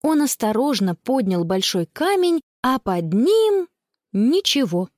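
Lively woman narrating a children's story. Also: a little high, takes it slowly, dry recording, studio quality. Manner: lively expressive reading with voiced characters.

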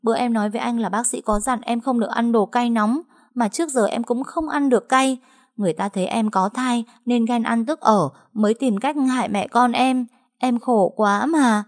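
A woman voicing a scheming young pregnant wife who wails and accuses in a tearful, shrill voice. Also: normal speed, natural voice. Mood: whining accusing.

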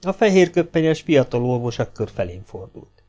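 A man reading an audiobook aloud with an animated storytelling delivery. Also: mid-range voice, soft background music. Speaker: audiobook reader. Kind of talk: audiobook narration.

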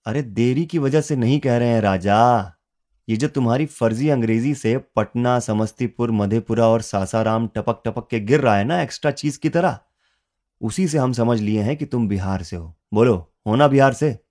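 A man voicing a brash, boisterous man who talks fast and teases. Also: mid-range voice, a little mellow, close to an everyday voice. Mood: teasing. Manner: teasing, boisterous, quick. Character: brash swaggering Bihari man, teasing and loud.

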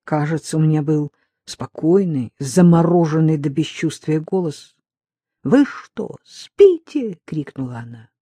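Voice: mid-range voice, moderate pace, warm tone, husky, no room sound. A reader narrating in the first person as a forty-year-old man, in a subdued and weary literary audiobook style.

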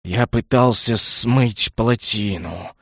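A man voicing a huge, weary water-spirit dragon in an audiobook, slow and groaning. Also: mid-range voice, no room sound, close to an everyday voice. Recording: dry close studio sound.

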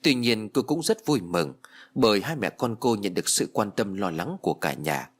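A man narrating a ghost story audiobook with expressive storytelling. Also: fairly low pitch, normal speed, slightly rough.

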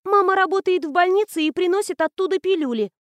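A woman voicing a sly teenage girl who feigns sweet innocence, speaking in a high, wheedling, falsely timid way. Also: quick pace, no room sound. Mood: mock concern.

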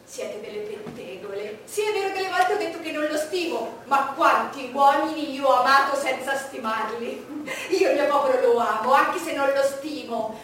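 A haughty, vain queen declaims in a high voice with theatrical grandeur. She is heard from far off in a very echoey stage space. Every phrase is emphatic and imperious. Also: moderate pace, few pauses, fairly bright tone, a little hiss or hum. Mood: haughty, self-satisfied. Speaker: stage actress.

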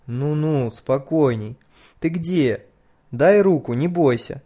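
A man voicing a soothing, unhurried old man who talks in a measured, homely way. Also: a little high, mellow, husky.

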